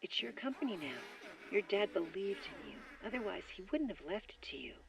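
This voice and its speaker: An actress playing a caring woman who consoles a grieving man in a soft, soothing voice that drops into a whisper, heard as game audio. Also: medium pitch, very animated, brisk, recorded from a distance, a crowd in the background. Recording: game audio with clear noise.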